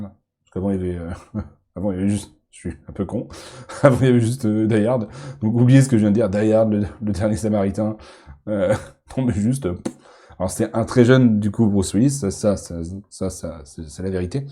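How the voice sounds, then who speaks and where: A man chats loosely as he ranks films, with a very dark, mellow tone sitting a little low. He rambles, stumbles over his words, repeats himself and corrects himself as he goes. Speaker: film YouTuber ranking movies. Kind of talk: casual chat.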